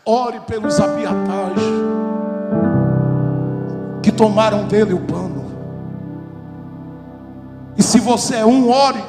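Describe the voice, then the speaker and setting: High-voiced Brazilian pastor in echoey hall. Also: male voice, takes it slowly, pauses often. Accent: Brazilian Portuguese. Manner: fervent preaching that swells into shouting. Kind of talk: sermon. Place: large church hall. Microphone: handheld microphone. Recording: echoey hall with loud music. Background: loud worship music.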